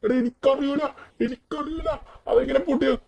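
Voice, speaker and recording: A man's voice: very high voice, steady tone, normal speed, vocal fry, a little mellow, slight background noise. Michael, a jittery middle-aged man, voiced by a man. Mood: panicky. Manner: panicky, keeps saying he doesn't know. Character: worried middle-aged man, nervous friend. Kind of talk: casual game role-play dialogue.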